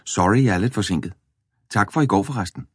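A man's voice: lowish voice, darkish tone, husky, dry recording, clean studio sound, pitched above the performer's own voice. A man reading the part of a practical farm worker who gives firm, urgent instructions. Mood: breezy. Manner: firm, commanding.

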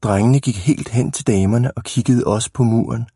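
Mellow man reading a children's story. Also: mid-range voice, husky, no room sound, clean studio sound. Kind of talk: reading a children's book aloud.

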